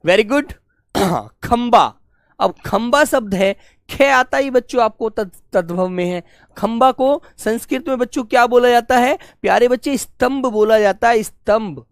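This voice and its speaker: A man's voice: very high voice, unhurried, no echo. Male teacher doing a live online class, keeps repeating the question, calls everyone beta, patient but scolds a bit, dry close sound. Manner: gently scolding, patient explainer. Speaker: Hindi teacher.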